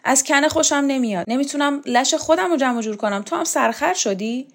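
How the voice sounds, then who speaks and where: A brash, commanding woman from an audiobook novel, as the female reader plays her. She snaps loud, harsh and dismissive, and scorn colors every line. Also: a little high, animated, pitched above the performer's own voice, lightly acted. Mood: scornful.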